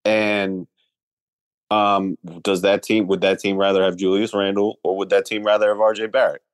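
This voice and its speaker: A man with a low voice talks sports in a relaxed way. He thinks aloud and weighs both options. The recording is dry and close. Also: moderate pace, clear, resonant tone, no echo. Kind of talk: casual sports talk.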